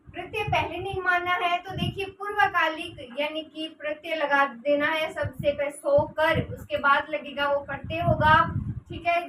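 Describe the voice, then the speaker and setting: A woman's voice: high voice, pushed and bright. A woman teaching a grammar lesson who asks rhetorical questions, answers them herself and dictates notes for her students to write down. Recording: roomy echo, distant mic, noisy.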